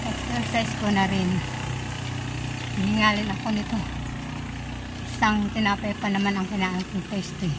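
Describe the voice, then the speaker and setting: A woman's voice: mid-range voice, moderate pace, long pauses. A woman narrating her uphill walk for a casual vlog, out of breath and chatty. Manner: chatty, narrates her walk, turns loud and excited greeting family. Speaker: vlogger. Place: outdoors on a street. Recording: loud street noise behind.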